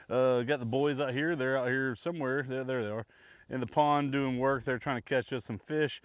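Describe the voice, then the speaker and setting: A man's voice: mid-range voice, no echo. A man chatting casually and easygoing to camera as he works at a campsite in the open, out in windy conditions. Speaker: outdoor camping vlogger. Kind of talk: casual chat to camera while working. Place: outdoors in the open by a pond in gusty wind. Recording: dull, lo-fi outdoor camera audio.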